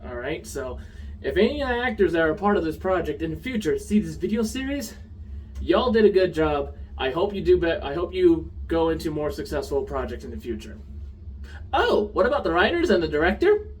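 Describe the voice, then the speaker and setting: Animated man ranting a TV review. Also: a little high, fairly quick, far from the mic, rough recording. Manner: animated, sarcastic, gets loud. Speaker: show reviewer. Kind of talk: casual review rant.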